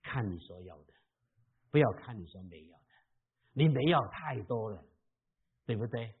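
Husky male pastor preaching, tinny sound. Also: on the low side, lively intonation, normal speed. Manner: emphatic, swings between loud and soft. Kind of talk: sermon.

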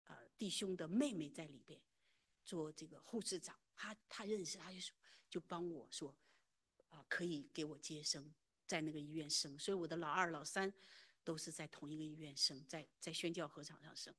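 Husky woman giving an earnest testimony. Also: sits low, steady tone, moderate pace, a bit bright. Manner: earnest, emotional storytelling that drops to a near whisper. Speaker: church member giving a testimony. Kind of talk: personal faith testimony.

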